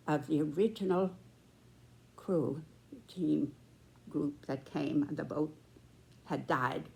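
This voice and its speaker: Woman in her nineties, American accent, low-pitched, very slow, measured, earnest storytelling. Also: darkish tone. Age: 90s. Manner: deliberate, measured, with pauses between short phrases. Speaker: speaker giving a personal commentary.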